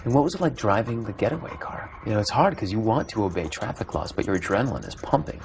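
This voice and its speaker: A man's voice: fairly low pitch, lively intonation, fast talker, creaky, music in the background. A man interviewing people with pointed, skeptical questions.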